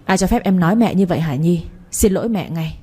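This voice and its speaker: A stern but reasonable young husband, voiced by a woman reader. The delivery is firm and measured in a mellow tone. It is an audio story reading. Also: fairly low pitch, lively intonation, slightly rough. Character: young husband, stern yet soft-hearted.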